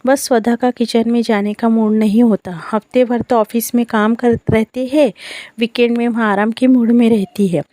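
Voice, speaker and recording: A woman narrating a scripted family story in the first person, in a calm, measured reading style. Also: fairly high pitch, no echo.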